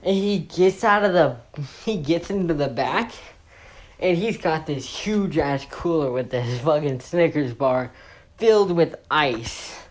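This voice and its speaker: Brief: woman, deep voice, slow, profane casual storyteller. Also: expressive. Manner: rambling, profane, with fillers and restarts.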